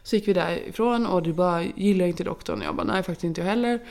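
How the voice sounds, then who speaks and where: A young woman co-hosting a casual chat podcast. She tells stories at length and acts out each quoted line of dialogue. Her voice carries a gravelly fry. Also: on the low side, darkish tone. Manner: chatty storytelling, acting out quoted dialogue. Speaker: podcast co-host.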